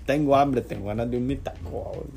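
A man with a Guatemalan Spanish accent co-hosts a casual podcast chat, joking, laughing often, and frequently talking straight to the listeners. His mid-range voice is steady and darkish, at a moderate pace.

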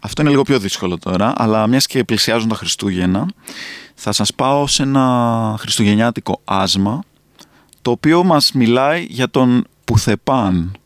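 A man's voice: mid-range voice, dry recording. A man hosting a comedy quiz podcast in a studio, teasing his guests and chuckling as he talks. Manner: playful, chuckling quizmaster. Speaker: quiz host. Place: recording studio.

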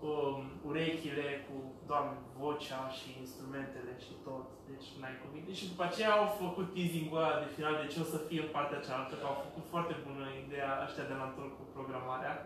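A man excitedly recounting a festival in casual chat with friends. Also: medium pitch, hardly any pauses, slight background noise. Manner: excited, animated storytelling. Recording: echoey room, mic far off.

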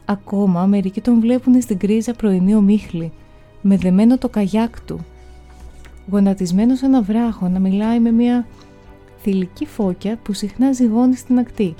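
A woman narrating a folk tale in a measured, expressive reading. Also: medium pitch. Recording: faint music bed. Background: faint music.

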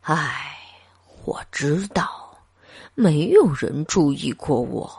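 A woman voicing a lonely retired old man who speaks slowly, low and sighing. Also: big pitch swings, gravelly, a little mellow, breathy edge, no echo, clean studio sound, exaggerated voice. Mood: gentle, melancholy.

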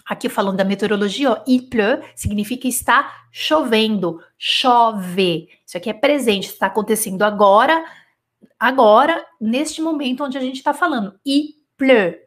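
A woman's voice: on the high side, moderate pace. A woman teaching a live French dictation lesson, explaining patiently and checking in with her students often. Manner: explains patiently, switching between Portuguese and French examples; animated, with frequent checks like "né?" and "d'accord?".

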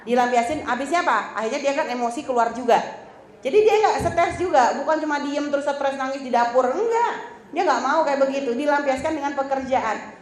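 Woman preacher, high voice, chatty and teasing, in a roomy hall. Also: a little fast. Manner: chatty, teasing, acts out quoted lines. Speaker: religious teacher. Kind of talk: religious talk to women. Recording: roomy hall with faint ambience.

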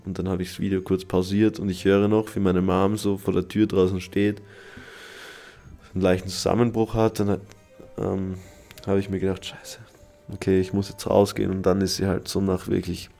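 A man's voice: deep voice, mellow. A young man hosting a podcast, telling a personal story in a rambling, confessional way with many fillers and restarts, sounding downcast and troubled. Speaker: podcast host.

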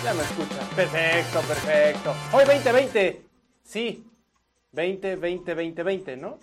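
A man's voice: fairly high pitch, expressive, slow pace, music in the background. A man with a Mexican accent co-hosting a casual live talk show, playful and given to repeating his phrases. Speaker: co-host.

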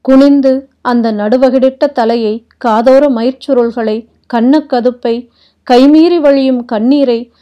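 A woman narrating a literary epic as an audiobook, in a deliberate, dramatic reading style. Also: high voice. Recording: dull lo-fi recording.

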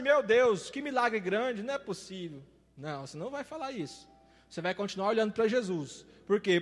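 A man preaching a sermon as an evangelist, impassioned, repeating phrases and swinging between loud declarations and quiet asides. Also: high-pitched, long reverb tail.

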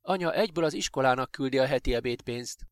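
A man's voice: medium pitch, no room sound, clean studio sound, close to an everyday voice. A man reading a story aloud, voicing a frightened, timid little schoolboy. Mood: worried.

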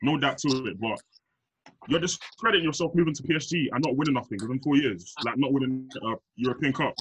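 A man's voice: mid-range voice, fast talker, lo-fi sound, a little hiss or hum. A young man with an urban London roadman accent, giving blunt, emphatic, slangy opinions in casual football banter.

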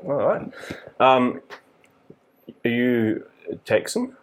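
A man hosting a casual chat, asking short questions with a deadpan sense of humor. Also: mid-range voice, very slow, slight background noise.

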